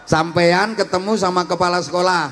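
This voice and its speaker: A man's voice: high voice, steady tone, moderate pace, fairly bright tone, a little hiss or hum. A man with a Javanese accent preaching a humorous sermon to students, playfully acting out different ways of greeting.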